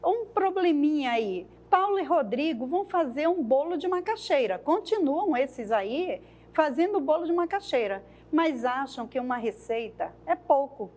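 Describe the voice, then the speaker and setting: A woman's voice: sits high, big pitch swings, normal speed, a little mellow. A woman training teachers, explaining lesson activities at a thoughtful pace and often adding tag questions.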